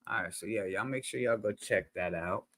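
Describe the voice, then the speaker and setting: This reaction video host has a lowish, fairly bright voice and talks fairly quickly, with no echo. He addresses viewers casually in slangy, meandering speech packed with restarts and fillers, and his desk microphone peaks now and then.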